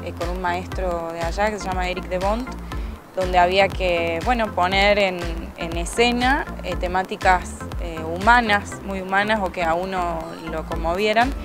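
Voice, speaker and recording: A woman's voice: fairly low pitch, moderate pace. Young Argentine woman, interview guest, handheld mic outdoors, chatty with fillers, music under her. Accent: Argentine Spanish. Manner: chatty, laughs often, hesitant fillers. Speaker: guest actress and playwright. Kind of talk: casual TV interview. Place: outdoors by a plant wall.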